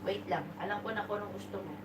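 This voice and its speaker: A woman's voice: medium pitch, fairly even intonation, quick pace, distant mic. Woman coaxing her dog, echoey. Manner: coaxing, switching between Tagalog and English. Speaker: live-stream host talking to her dog. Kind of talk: casual live-stream chat, coaxing a pet. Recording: echoey room, phone mic from afar, background noise.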